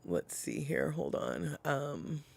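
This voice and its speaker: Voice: mid-range voice, big pitch swings, slow, vocal fry, husky, dry recording. A live-stream host from the United States chatting casually with viewers, rambling, correcting themself and laughing at their own remarks. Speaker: livestream host reading viewer chat.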